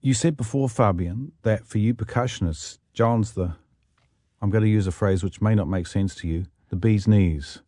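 Brief: male host, low voice, relaxed and curious, dry close sound. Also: moderate pace, no echo. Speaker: radio host. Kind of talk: casual interview.

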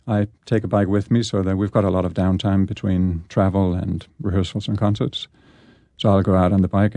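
A man, a guest chatting in a relaxed way in an interview. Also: lowish voice, no room sound. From Denmark. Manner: relaxed, chatty, repeats words as he goes. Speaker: guest, orchestral percussionist. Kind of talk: casual radio interview chat.

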